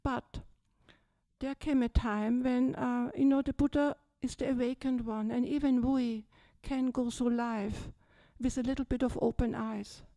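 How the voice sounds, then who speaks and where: A woman's voice: a little high, steady tone, a little slow, dark tone, no room sound. An older woman from Austria with an Austrian German accent, a Buddhist nun telling her story in a chatty way at a retreat, often checking in with "yes?" and "yeah?". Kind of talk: retreat talk, personal story. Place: large dim hall, seated on a low stage. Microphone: handheld microphone.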